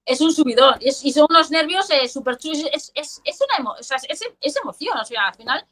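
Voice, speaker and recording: A woman with a high voice talks fairly quickly as a guest writer in a video-call interview. She chats expressively in a casual way, often restarting her sentences and using lots of fillers.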